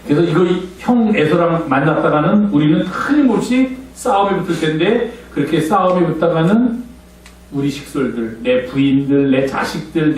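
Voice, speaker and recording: A man preaching a children's Sunday school sermon, telling a story with acted-out voices and asking the children questions. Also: a little high. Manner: animated storyteller acting out characters' voices. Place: church hall. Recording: very echoey hall, mic from far off, faint hum.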